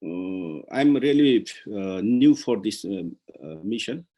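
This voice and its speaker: Low-voiced man speaking haltingly. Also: lively intonation, dull audio. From Nepal. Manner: halting, many pauses and restarts. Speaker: guest speaker. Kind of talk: virtual meeting remarks. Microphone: video call.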